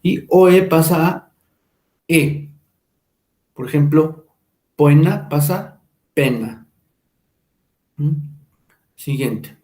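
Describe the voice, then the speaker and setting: Slow, deliberate Spanish-speaking teacher. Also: male voice, fairly high pitch, a little mellow, roomy sound. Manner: checks in with listeners by asking "¿mm?" and "¿no?"; drawn-out, careful enunciation of example words. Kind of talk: slow explanatory lecture.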